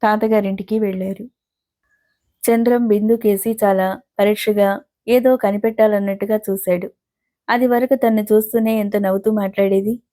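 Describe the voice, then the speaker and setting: A woman storyteller reading a serialized story aloud in a steady, expressive way. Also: medium pitch.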